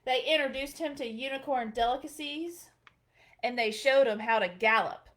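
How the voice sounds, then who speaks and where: This high-pitched children's librarian moves at a normal speed as she tells a bedtime picture-book story. Her reading is soft and full of expression.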